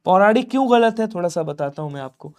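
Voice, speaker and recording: A man from Lucknow, India, teaching a live online exam-prep class. He asks questions and answers them himself, and keeps urging viewers to comment quickly. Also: high voice, lively intonation, a little mellow, smooth. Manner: drills answers by asking and answering his own questions. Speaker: Hindi teacher.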